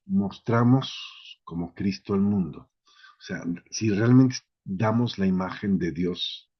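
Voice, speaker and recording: A man's voice: fairly low pitch, breathy edge. A man preaching an informal sermon, who often checks in with his listeners. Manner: conversational, asks the listeners "¿sí?" often. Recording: dull lo-fi recording.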